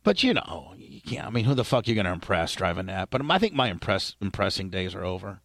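A man's voice: low-pitched, sing-song, quick pace, fairly bright tone, dry recording, studio quality. A man hosting a podcast in casual chat, blunt and profane. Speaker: podcast host.

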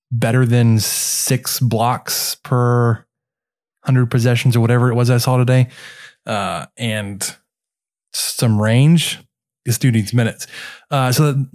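A man co-hosting a sports podcast, going through stats casually with halting pauses. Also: mid-range voice, darkish tone.

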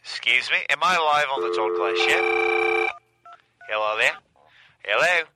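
A man's voice: medium pitch, expressive, a little slow. A man from Perth, calling in to a show over a landline phone and hesitantly asking whether he is on air. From Perth, Australia. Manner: hesitant, repeatedly checking if he is on air. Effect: heard over a landline phone. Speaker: caller. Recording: loud noisy phone line.

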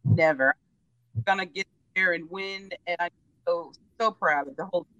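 A middle-aged woman, a football player's mother, chatting excitedly as a remote guest while her call audio keeps cutting out. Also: lowish voice, no room sound, low-quality recording. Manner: excited, laughing, quick restarts. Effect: choppy, cutting-out internet call audio. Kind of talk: casual interview chat. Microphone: remote video call. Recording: dry audio breaking up over a bad call connection.

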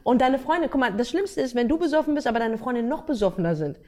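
A young woman telling a party story in casual podcast chat, slangy and animated, acting out her friends' voices. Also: fairly high pitch, fast talker.

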